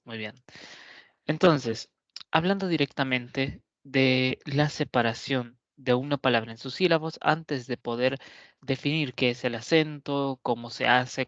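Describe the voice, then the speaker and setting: A man with a mid-range, fairly bright voice gives a pre-recorded lecture as a teacher, walking his students through the material step by step and often checking in with them. He speaks in a measured, explanatory way, frequently asking "¿verdad?" The audio is dry, dull and lo-fi with no echo, captured on a laptop or webcam mic with the camera switched off.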